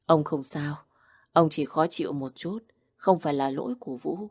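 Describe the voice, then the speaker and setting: A woman voicing a kind old grandfather who speaks in a calm, comforting way. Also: low voice, moderate pace, breathy edge, dry recording, clean studio sound. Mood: reassuring.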